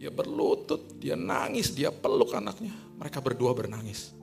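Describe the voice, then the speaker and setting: Male pastor, middle-aged; casual storytelling sermon with sudden loud peaks, mid-pitched voice over faint music. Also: normal speed, gravelly. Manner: storytelling preacher, swings from hushed to loud excited peaks; casual Jakarta slang mixed into preaching.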